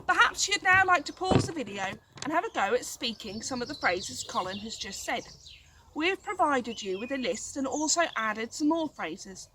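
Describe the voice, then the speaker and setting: A woman's voice: sits high, very animated, moderate pace, noisy background. A woman presenting a scripted lesson in an encouraging, instructional way. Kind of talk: scripted educational narration.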